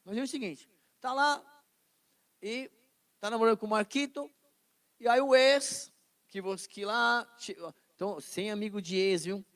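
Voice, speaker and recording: Man, Bible teacher, lively, high voice, dry close sound. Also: moderate pace, long pauses, no room sound. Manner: lively, acts out dialogues. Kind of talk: casual Bible lesson.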